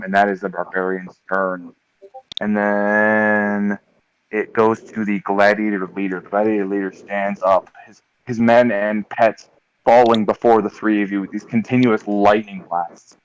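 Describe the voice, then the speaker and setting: A man with a fairly low voice narrates a tabletop fight as game master, lingering on gory blows and dice results. He talks in a measured, descriptive way and fills pauses with ums. A faint hiss sits under the voice. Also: fairly even intonation, low-quality recording. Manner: vivid, unhurried combat description with frequent ums.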